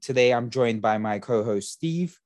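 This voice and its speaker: A man's voice: medium pitch, moderate pace, a little mellow, dry recording, studio quality. A young man, hosting a podcast in casual, slangy chat. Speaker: podcast host.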